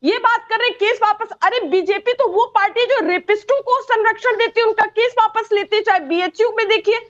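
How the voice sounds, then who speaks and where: A woman arguing on a televised debate attacks her opponents without letup. Her voice is very high. The audio comes through dull and lo-fi. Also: fairly quick, fairly bright tone. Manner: combative, accusing, talks over others. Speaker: party spokesperson. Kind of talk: heated TV debate argument.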